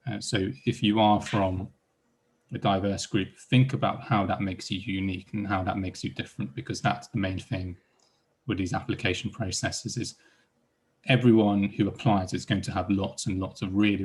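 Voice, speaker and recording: The man, an Iranian psychologist on a panel, keeps restarting and repeating himself as he hesitates. His deep, breathy voice varies little in pitch and proceeds at a normal speed.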